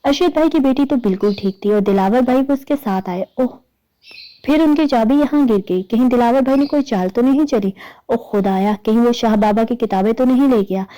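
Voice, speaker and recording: A woman voicing a pious young male spiritual healer who murmurs his thoughts calmly. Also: on the high side, highs cut off, lightly acted.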